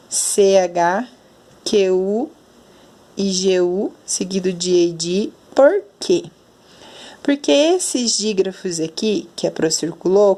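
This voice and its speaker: Slow-enunciating Brazilian teacher woman. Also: medium pitch, darkish tone. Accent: Brazilian Portuguese. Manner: slow, drawn-out enunciation of sounds. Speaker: primary school teacher. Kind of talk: explaining lesson to children.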